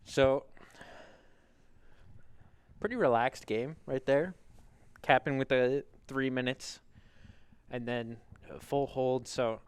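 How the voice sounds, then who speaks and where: A young man with a Boston accent doing excitable, joking play-by-play commentary on an esports match. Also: mid-range voice, slow pace, long pauses, clean tone, no echo. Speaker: esports caster. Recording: steady background noise.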